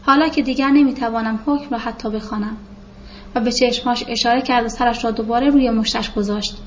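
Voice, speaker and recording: A woman reading a literary novel aloud in a calm, measured storytelling voice, on a dull lo-fi recording with faint hiss. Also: on the high side. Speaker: narrator. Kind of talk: literary audiobook narration.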